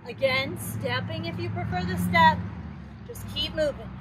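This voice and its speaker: A woman's voice: very high-pitched, unhurried, heavy background noise. A woman fitness instructor leading a workout class, counting down intervals and urging people on while out of breath herself. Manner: encouraging, counts down intervals, works out while talking.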